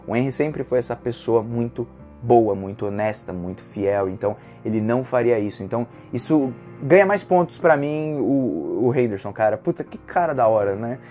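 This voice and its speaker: A man with a Brazilian Portuguese accent hosting a casual manga review, retelling the story in an animated, emotional way with slangy fillers. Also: mid-range voice, normal speed, soft background music. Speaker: manga reviewer, channel host.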